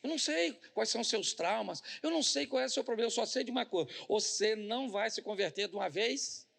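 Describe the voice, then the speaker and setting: A man's voice: high-pitched, expressive, fast talker, gravelly, fairly bright tone. A male pastor preaching a humorous sermon, joking and acting out little scenes.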